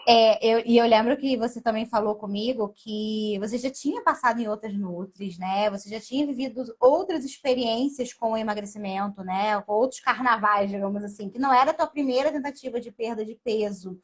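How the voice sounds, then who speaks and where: Brazilian nutritionist host, fairly high voice, probing questions full of tags. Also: female voice, brisk, few pauses, breathy edge. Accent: Brazilian Portuguese. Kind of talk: live interview.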